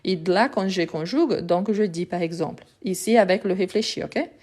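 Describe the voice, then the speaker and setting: A woman's voice: medium pitch, moderate pace, darkish tone. A woman teaching French grammar in a live lesson, patient and methodical, repeating examples step by step, Portuguese her first language.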